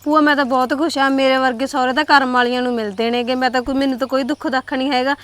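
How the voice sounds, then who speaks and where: A young woman with a Punjabi accent talks quickly in a high voice in a village family drama. She coaxes and cares for her aunt. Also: steady tone, a bit bright. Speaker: married niece.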